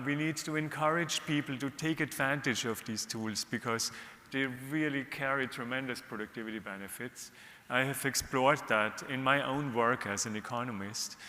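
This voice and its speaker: Guy from austria on a panel, bright clear voice, long echo of a big hall. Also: mid-range voice. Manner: measured, hedged, earnest advice. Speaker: economist panelist. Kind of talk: panel discussion remarks. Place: large conference hall. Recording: reverberant hall.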